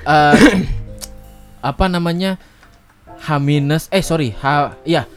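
A man's voice: fairly high pitch, steady tone, slow, over music. A man co-hosting a casual chat, telling stories with frequent laughter. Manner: laughs often, jokey storytelling. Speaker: podcast co-host.

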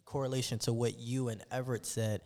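A man in an animated faith discussion on a podcast, exhorting emphatically and repeating phrases as if preaching. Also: medium pitch, brisk. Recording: long hall-like reverb.

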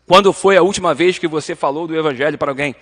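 Fervent high-voiced Brazilian man teaching. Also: quick pace, fairly bright tone, in a large hall. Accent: Brazilian Portuguese. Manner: fervent, addresses listeners as beloved, acts out dialogues. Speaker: Sunday school teacher. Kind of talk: church Bible class teaching. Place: church.

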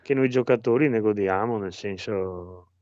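Brief: mid-pitched man, hedging casual chat, dry recording. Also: moderate pace, mellow, no echo, lo-fi sound. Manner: tentative, hedging.

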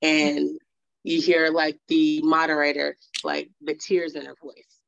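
Low-pitched woman on a video call, muffled, rambly and full of um's. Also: flat delivery, takes it slowly, creaky, dry recording. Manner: rambling, many fillers and restarts. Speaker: guest, mother. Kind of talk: casual video call chat.

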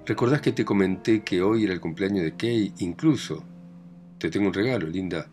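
A man with a Rioplatense Spanish accent reads the part of a domineering aging mother of a grown family in a play, sounding bossy yet doting, scolding, proud, and meddling. His low voice is brisk, a little mellow, and natural, with soft music behind it.

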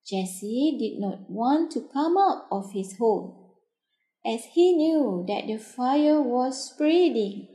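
A woman gently reading a children's story aloud, in a roomy, echoey recording. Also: high-pitched, animated, slow pace.

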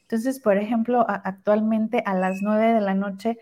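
A woman's voice: medium pitch, steady tone, a little slow, a little mellow. A mother co-hosting a casual conversation, telling personal stories in a chatty way. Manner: chatty, anecdotal. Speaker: co-host, mother.

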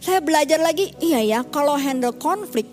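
A woman's voice: high-pitched, expressive, moderate pace, a little mellow. A middle-aged woman pastor giving a sermon in a candid, conversational way, mixing in English phrases.

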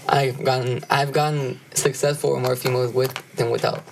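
A man's voice: medium pitch, flat delivery, brisk, vocal fry, a little hiss or hum, rough recording. A nineteen-year-old man, a guest, bantering in a laid-back, self-deprecating way. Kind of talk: casual interview chat.

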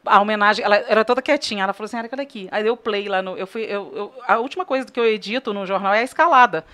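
Speaking rapid-fire in a mid-range voice, a Brazilian woman who edits TV news shares funny stories from work during a relaxed podcast chat. She has a Brazilian Portuguese accent and is a lively storyteller who laughs as she recounts her anecdotes.

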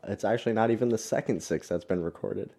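A man's voice: lowish voice, fast talker, gravelly, mellow, husky. An American man co-hosting a podcast in casual, slangy frat-bro talk with heavy swearing. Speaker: podcast host. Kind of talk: casual chat.

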